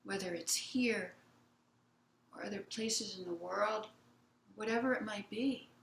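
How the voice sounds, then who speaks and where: A woman Zen teacher giving a gentle, unhurried dharma talk in a meditation hall, retelling a children's picture book for her listeners. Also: mid-range voice, vocal fry, slight background noise. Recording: roomy hall sound.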